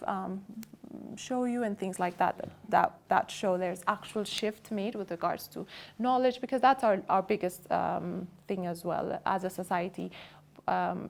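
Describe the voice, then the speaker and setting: Woman, interview guest, gravelly, low-pitched, earnest. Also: a little mellow. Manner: earnest, many fillers. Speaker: guest, country director. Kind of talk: interview discussion.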